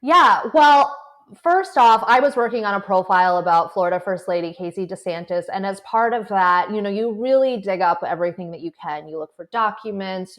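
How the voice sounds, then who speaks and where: A woman, a political correspondent, chatting as an interview guest, laughing often and filling pauses with "um" and "you know". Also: fairly low pitch. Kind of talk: conversational interview. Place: South Florida.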